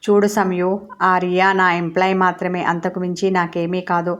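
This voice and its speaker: A woman's voice: fairly low pitch, level tone, moderate pace, lo-fi sound, natural voice. A woman voicing a confident, teasing young man in a romance story read aloud. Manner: teasing, playful.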